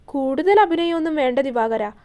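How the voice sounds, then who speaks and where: A woman voicing a young husband in a romance audio story, speaking slowly and reassuringly. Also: high-pitched, animated, darkish tone. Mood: scornful. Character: young husband, calm and caring, scornful to enemies.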